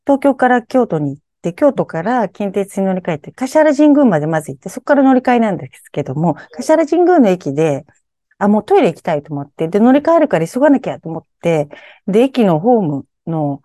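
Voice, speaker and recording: Mellow, expressive woman recounting strange experiences. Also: mid-range voice, fairly quick, dry recording, clean studio sound. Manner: animated retelling, acting out her own startled reactions. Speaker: guest telling her own eerie experiences. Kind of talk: conversational telling of strange personal experiences.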